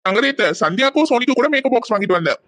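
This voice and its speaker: A woman's voice: on the high side, expressive, racing, heavy background noise, lightly acted. A woman voicing a cheerful young man in a cartoon who has come home from abroad and reassures his mother.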